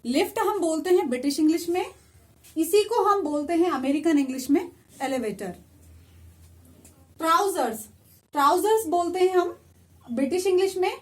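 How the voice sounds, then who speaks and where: A woman teaches vocabulary beside a whiteboard, her voice sitting high. She goes patiently through the list, repeating each word before giving its counterpart. Her English asides come slow and careful. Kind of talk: explaining vocabulary to viewers.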